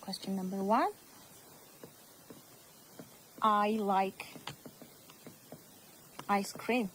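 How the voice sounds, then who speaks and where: Slow-speaking woman teacher with Ethiopian accent. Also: medium pitch, steady tone, a bit bright, a little hiss or hum, rough recording. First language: Amharic. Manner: slow, repeats words, addresses students. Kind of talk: classroom English lesson.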